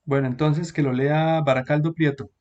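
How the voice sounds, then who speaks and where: Fairly high male teacher. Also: steady tone, a little mellow, dull audio. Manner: patient, repeats words slowly, asks students questions. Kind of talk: online class explanation.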